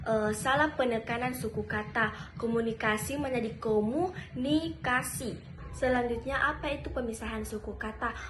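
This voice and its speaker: A woman's voice: on the high side, noisy background. Young woman reading a class presentation. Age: young adult. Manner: reads from notes with frequent filler "eh". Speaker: student presenter.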